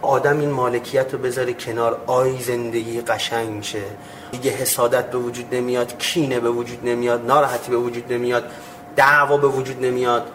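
A man's voice: medium pitch, little pitch movement, fairly bright tone, slight background noise. A man giving a religious ethics talk in earnest, explanatory tones, acting out imagined dialogues with his listeners. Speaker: religious speaker.

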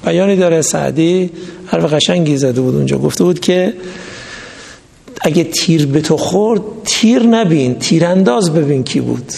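Man, religious lecturer, fairly high gravelly voice, long hall reverb. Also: lively intonation, darkish tone. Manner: reads text then explains in colloquial speech with stories. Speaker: religious teacher.

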